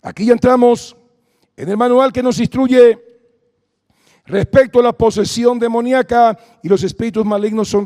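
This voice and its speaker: Brief: male pastor, high gravelly voice, long hall reverb. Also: warm tone. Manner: fervent, exhorting, calls to the congregation. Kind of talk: Pentecostal deliverance sermon.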